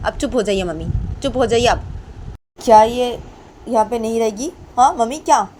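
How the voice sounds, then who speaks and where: A woman voicing a middle-aged father who firmly orders his family to be quiet. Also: fairly high pitch, moderate pace, a little hiss or hum, voice pushed up, close to an everyday voice. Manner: firm, commanding, repeats "theek hai". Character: stern middle-aged father defending daughter-in-law.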